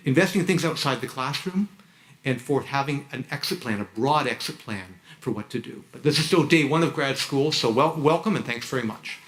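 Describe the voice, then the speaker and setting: A man's voice: medium pitch, animated, brisk, fairly bright tone, slight background noise, poor audio. A man giving a frank advice speech to new graduate students at an orientation, often repeating and restarting his words. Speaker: university orientation speaker. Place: university orientation hall.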